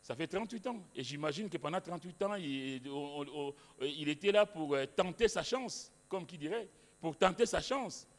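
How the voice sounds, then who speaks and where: A man's voice: on the high side, animated, normal speed. A male pastor preaching a sermon in a church, emphatic, repeating phrases with many restarts. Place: church hall. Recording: long hall reverb.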